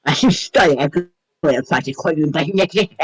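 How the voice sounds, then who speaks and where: A man's voice: a little high, moderate pace, breathy edge, no echo, poor audio. A man rambling casually with lots of fillers while dubbing a game with friends. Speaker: fan voice actor. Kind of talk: casual chat over a fan dub.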